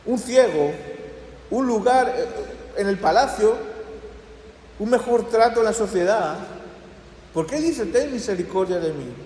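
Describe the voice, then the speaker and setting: A pastor preaching with earnest conviction, his voice sitting a little high for a man. He sinks into hushed prayer tones, then lifts again to press a point. The sound rings through a roomy church hall with a long tail of reverb. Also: a little hiss or hum. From Spain. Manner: earnest, drops to soft hushed prayer tones, rises when stressing points. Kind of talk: sermon. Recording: echoey church hall, slightly distant.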